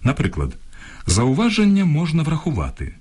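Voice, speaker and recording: A man presenting a language program on radio, reading a script in a measured, instructive way, contrasting correct and incorrect phrases. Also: on the high side, huge pitch swings, darkish tone, husky. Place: radio studio.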